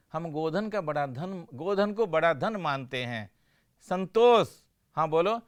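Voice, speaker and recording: A man's voice: on the high side, fairly bright tone, smooth. A man teaching a Hindi lesson for a broadcast class, explaining patiently, asking questions and answering them himself.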